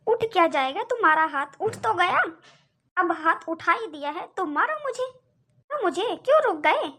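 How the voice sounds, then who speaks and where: A woman voicing a shrill, quarrelsome young wife. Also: animated, moderate pace, fairly bright tone. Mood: angry. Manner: complaining, argumentative. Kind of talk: cartoon voice acting.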